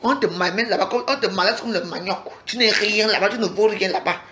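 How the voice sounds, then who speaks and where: A woman's voice: mid-range voice, a little fast, noisy background. A woman in an angry, confrontational livestream rant, recorded on a phone and hammering at her target with repeated challenges. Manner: confrontational, repeatedly demanding "you hear?".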